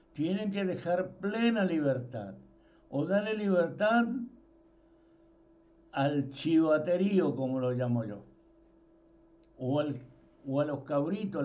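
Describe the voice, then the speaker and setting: A man preaches an informal sermon, his voice sitting high for a man. He talks slowly and leans on repeated words for emphasis. The recording sounds dull and lo-fi. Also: a little mellow.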